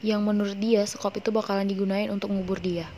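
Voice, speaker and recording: A woman's voice: mid-range voice, flat delivery, fast, very noisy. Chatty woman recapping a film. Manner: chatty, slangy, joking asides. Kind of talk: casual film recap narration.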